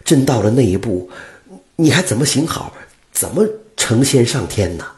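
A man's voice: medium pitch, animated, moderate pace, darkish tone, pitched above the performer's own voice, close to an everyday voice. A man doing an earnest young butcher. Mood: pleading. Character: kind-hearted young male butcher, earnest and pleading.

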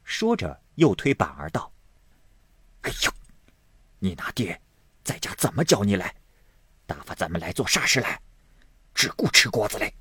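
A man voicing a poor, humble old country grandmother who speaks haltingly in a storybook reading. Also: on the low side, very animated, pushed and bright, slightly rough, dry recording, exaggerated voice. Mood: pleading. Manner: halting, hesitant speech.

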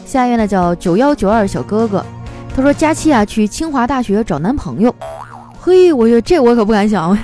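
Playful woman host with lively pitch. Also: a little fast, over music. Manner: playful, chatty, mimics voices for quoted people. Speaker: radio host reading listener jokes. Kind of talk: casual comic storytelling.

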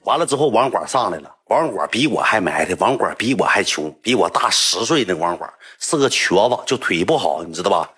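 Animated husky storyteller with a Northeastern Mandarin accent. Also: male voice, lowish voice, brisk, hardly any pauses. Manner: animated, chatty, addresses viewers. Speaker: livestream storyteller. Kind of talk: casual storytelling.

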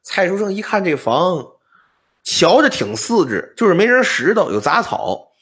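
A man telling an old ghost story on a podcast, explaining details in an animated, comic patter. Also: sits high, normal speed. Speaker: storyteller, co-host.

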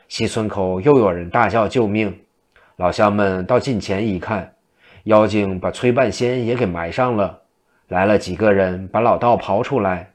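A man tells a classic tale in a steady, vivid way. His voice sits low. He narrates with a practiced storyteller's pacing.

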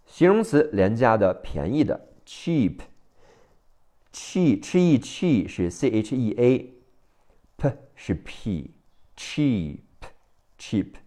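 A man with a Mandarin Chinese accent teaching English vocabulary by phonics, spelling each word letter by letter and repeating it slowly. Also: mid-range voice, sing-song, mellow.

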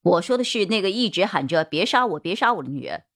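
A woman voicing a stern police detective who questions firmly and briskly. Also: mid-range voice, lively intonation, fairly bright tone.

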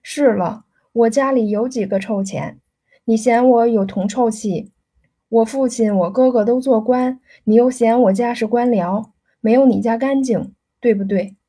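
A woman's voice: on the high side, measured pace, dark tone, slightly rough. A woman voicing an insistent young rich man who keeps pressing a girl for an answer, pleading and pushy.

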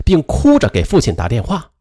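A man's voice: a little high, huge pitch swings, fairly quick, warm tone. A man narrating a family true-crime story in a dramatic storytelling manner, drawing out his filler particles.

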